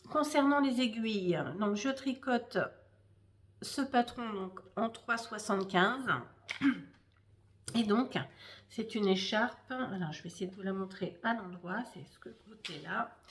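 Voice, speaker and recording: A woman hosts a casual knitting video chat at home. She speaks slowly and hesitantly, filling gaps with fillers and restarting her sentences. Her pitch sits in a middle range. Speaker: knitting podcaster. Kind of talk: casual show-and-tell chat.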